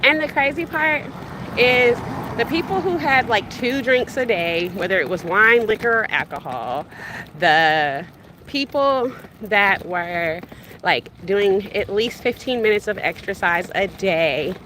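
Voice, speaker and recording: A Bahamian woman in her thirties rambles casually to her livestream viewers, talking straight to them as she walks outside pushing a stroller. Her mid-range voice is fairly bright, with lively intonation and a slightly slow pace. The handheld phone recording is rough and picks up street noise.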